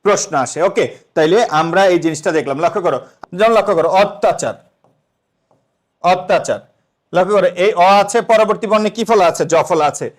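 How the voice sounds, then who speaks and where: A man's voice: high voice, quick pace. A young man teaching an exam-prep lesson, asking the students questions and then answering them himself.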